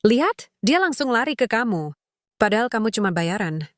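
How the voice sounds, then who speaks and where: A woman's voice: fairly high pitch, lively intonation, brisk, a bit bright, no room sound, studio quality, voice pushed up. A woman voicing an arrogant, scornful man who talks in a mocking, sneering way, read as a story. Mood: angry scorn. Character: arrogant scornful man, the girl's estranged father.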